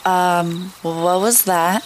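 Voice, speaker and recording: An actress playing a nervous, prim and expressive young woman in an audio drama. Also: fairly low pitch, very slow. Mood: annoyed. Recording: noisy night ambience with crickets and owls.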